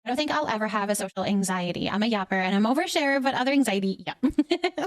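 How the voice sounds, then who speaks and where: This livestream host from Canada answers viewers' comments with affection and encouragement, using pet names for them. She talks fast in a mid-range voice with lively intonation. The sound is clean and studio-like, with no echo.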